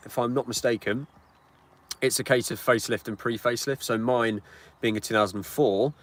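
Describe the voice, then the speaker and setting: The host here is a British man in his 20s whose fairly low voice has a slightly bright quality. He's beside his car doing a casual live-stream Q&A, answering viewer questions. A camera on a tripod records him outside, where a car engine and street ambience can be heard.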